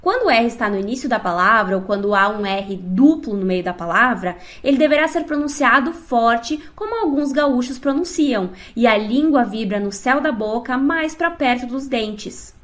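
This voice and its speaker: A woman teaching a scripted online language lesson, explaining clearly and speaking directly to the learner. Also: on the high side, animated, normal speed, few pauses. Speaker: Spanish teacher.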